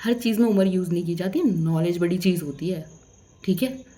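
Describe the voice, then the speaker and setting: A woman's voice: on the low side, a little fast, mellow. A young woman telling a storytime vlog in a heated, indignant rant. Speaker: vlogger.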